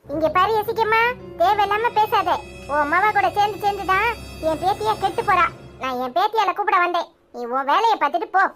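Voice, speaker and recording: A woman voicing a bossy, sharp-tongued old grandmother in a cartoon, with a Tirunelveli Tamil accent. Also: very high voice, a little fast, soft background music. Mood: threatening. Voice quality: harsh, sharp-tongued scolding. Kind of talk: cartoon voice acting.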